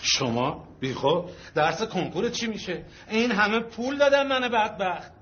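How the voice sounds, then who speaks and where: A middle-aged family father in a comedy film, high-pitched and endlessly polite. He gushes and coaxes. The sound is muffled and lo-fi with a faint hiss. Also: expressive, fairly bright tone. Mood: coaxing. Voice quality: effusive, fussy politeness.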